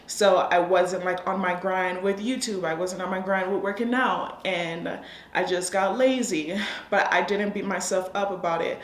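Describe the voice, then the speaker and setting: A woman's voice: medium pitch, fairly even intonation, moderate pace. An American woman giving casual lifestyle advice in a chatty, conversational vlog style. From United States. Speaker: lifestyle vlogger. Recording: echoey room sound.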